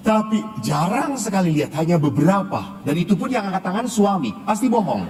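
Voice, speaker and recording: High-voiced man with a Javanese accent preaching. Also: very animated, a little fast, a little mellow. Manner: playful storytelling, acting out quoted voices. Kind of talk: humorous sermon at a revival service. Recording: long hall reverb, faint background noise.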